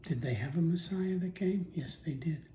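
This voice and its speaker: A man's voice: on the high side, normal speed. A man giving a casual Bible teaching talk, telling a story and asking rhetorical questions. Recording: echoey room with steady noise.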